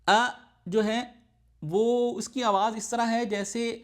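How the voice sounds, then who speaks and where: A man's voice: very high voice, steady tone. A man teaching Arabic sounds in a recorded lesson, patiently demonstrating each sound and checking in with the learner. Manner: slowly demonstrates sounds, repeating them aloud.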